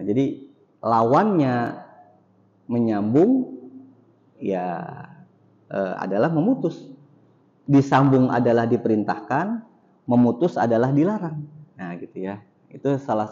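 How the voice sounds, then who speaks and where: Male Islamic teacher, mellow voice, dull lo-fi recording, lecturing and restating every point. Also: medium pitch, very animated, a little slow, pauses often. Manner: repeats each point for emphasis. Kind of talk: mosque study lecture. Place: mosque hall. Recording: echoey hall, dull lo-fi sound.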